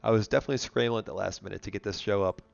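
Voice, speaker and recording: Hosting a live car show, a man with a worn, congested, nasal voice chats and tells stories casually. He talks fast with vocal fry, a fairly low pitch and fairly flat intonation, all over dull, lo-fi stream audio.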